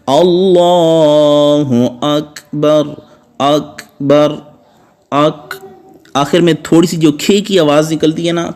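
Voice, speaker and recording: A man teaching a recitation lesson, patiently explaining and repeating sounds slowly so students can copy his pronunciation. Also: a little high, darkish tone. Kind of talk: step-by-step tajweed lesson.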